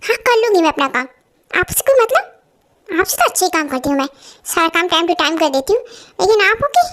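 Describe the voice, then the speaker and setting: A woman's voice: very high voice, very animated, fairly quick, fairly bright tone, exaggerated voice. A woman dubbing a jealous, pouty young female assistant in a Hindi fan drama. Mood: sulky. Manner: pouty, complaining.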